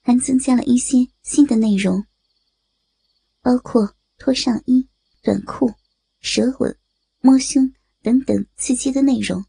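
A woman narrating a story in a steady way. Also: fairly high pitch, unhurried, creaky, pauses often, husky, no room sound. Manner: steady narration, voicing characters. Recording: dry close voice with faint music.

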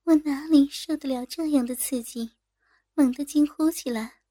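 Woman storyteller, high mellow voice, intimate unhurried reading, dry close recording. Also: no room sound. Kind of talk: first-person story reading.

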